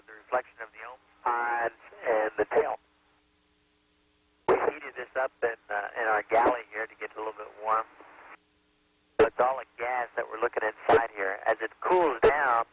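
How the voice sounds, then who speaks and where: A male astronaut speaks over a crackly space-to-ground radio link that sounds like a sci-fi communicator, explaining experiments with halting pauses and fillers. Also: medium pitch, slightly rough. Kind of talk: describing experiments for ground control. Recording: tinny radio downlink with faint hiss.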